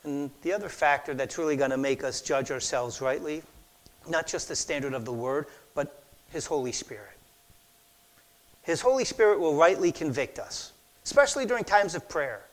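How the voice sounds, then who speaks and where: A man preaching a sermon, telling anecdotes with lively acted-out quotes and sometimes dropping to a near whisper. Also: fairly high pitch, moderate pace. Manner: animated storytelling, acts out quoted voices, drops to a near whisper for effect. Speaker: pastor.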